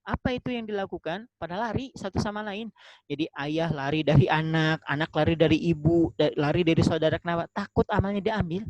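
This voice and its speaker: A man giving a casual Islamic study talk over a video call, acting out small dialogues and dropping to a soft, drawn-out voice for prayers. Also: on the high side, dry recording. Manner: lively, acts out little dialogues in other voices. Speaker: ustadz giving an online religious talk. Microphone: computer or phone mic on a video call. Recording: dull, slightly lo-fi dry sound.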